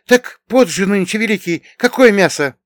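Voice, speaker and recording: Man doing a loud, high-pitched village lad. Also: moderate pace, no echo, studio quality, close to an everyday voice. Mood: surprised. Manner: raised, excited, loud delivery.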